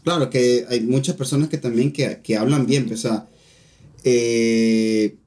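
Mellow-voiced Venezuelan man chatting. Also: mid-range voice, steady tone, a little slow. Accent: Venezuelan Spanish. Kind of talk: casual chat.

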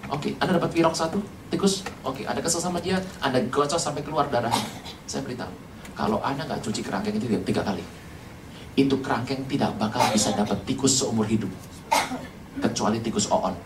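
A preacher giving a lively, humorous sermon, firing rhetorical questions and jokes at the congregation. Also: mid-range voice, brisk, heavy background noise. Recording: roomy, from a distance.

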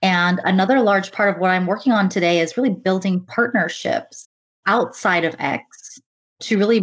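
This American woman has a fairly low, husky voice. She speaks earnestly and with measured care in a conversational interview about her diversity and inclusion leadership, often using "really" and "kind of."

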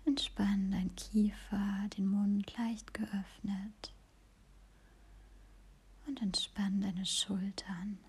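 A woman hosting a podcast, whispering a slow, soothing guided meditation. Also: medium pitch, flat delivery, darkish tone, breathy edge.

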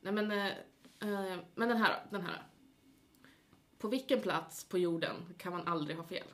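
A woman with a Stockholm accent chatting casually and jokingly as a podcast co-host. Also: mid-range voice.

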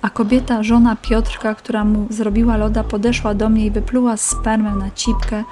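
A woman narrating a first-person story in an intimate, even reading manner. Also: a little high, moderate pace, noisy background. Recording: narration over background music. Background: music.

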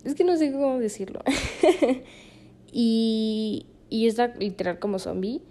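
A woman's voice: fairly high pitch, animated, unhurried, warm tone. A young Mexican woman, a podcast host, telling a personal story in casual chat, laughing often between fillers.

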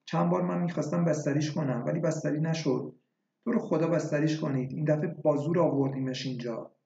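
A woman's voice: low-pitched, dark tone. A man reading aloud voices a desperate, tearful village wife who pleads with a doctor. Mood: pleading. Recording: echoey, dull lo-fi recording.

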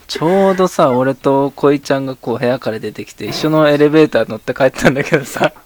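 A man's voice: mid-range voice, fast. Blunt sarcastic man, noisy recording. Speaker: podcast co-host. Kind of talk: casual chat among friends.

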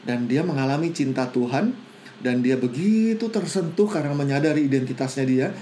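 A man's voice: medium pitch, animated, brisk, dark tone, a little hiss or hum. A man preaching a sermon, telling stories casually and mixing in English phrases.

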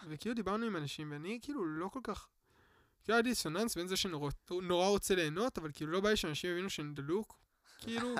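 A man's voice: sits high, a bit bright, no echo, clean studio sound. A man telling personal stories as a guest in a casual chat, rambling with many filler words and acting out the voices of people he quotes.

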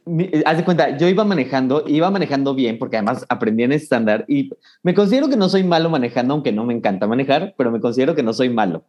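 A man's voice: medium pitch, lively intonation, fast, a little mellow, dull audio. A man, co-hosting a casual podcast chat, often tagging his sentences with "¿sabes?". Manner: conversational, frequent "¿sabes?" tags. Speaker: podcast co-host.

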